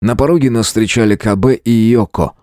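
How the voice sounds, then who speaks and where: A man narrating a first-person adventure audiobook in a steady, measured way. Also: on the low side, dry recording, clean studio sound.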